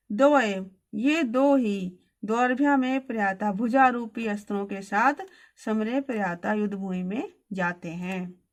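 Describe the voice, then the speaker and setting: Woman Sanskrit tutor, higher voice, reads verses aloud, then explains each line. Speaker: Sanskrit teacher.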